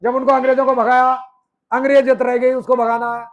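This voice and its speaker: Guy with a really high voice giving a political speech, asks questions and answers them, repeats stuff for emphasis. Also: flat delivery, fairly quick, dull audio. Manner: rhetorical questions answered himself; emphatic, repeats phrases in lists. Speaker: movement speaker.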